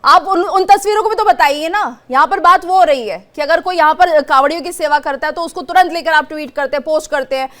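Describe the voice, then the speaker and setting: Brief: female news anchor, high bright voice, firm and pointed, keeps the debate in order. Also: fast, few pauses. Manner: firm, presses guests with pointed questions. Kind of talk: live TV debate moderation.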